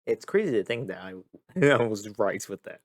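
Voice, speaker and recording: A young man hosting a casual gaming vlog, tired and a bit monotone, rambling and repeating himself as he talks. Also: lowish voice, moderate pace, no room sound, studio quality. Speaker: gaming video host. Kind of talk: casual talk to camera.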